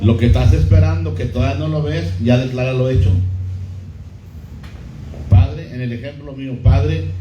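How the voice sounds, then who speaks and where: A middle-aged pastor preaching a sermon, who repeats key phrases and puts questions to the congregation. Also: male voice, mid-range voice, background noise. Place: church hall. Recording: muffled echoey church recording.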